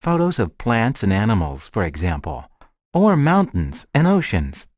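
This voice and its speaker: A man's voice: lowish voice, huge pitch swings, a little slow, darkish tone, no echo, exaggerated voice. A man acting a friendly character in a scripted language lesson dialogue, with careful short sentences. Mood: friendly, measured. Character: friendly man chatting about a shared hobby.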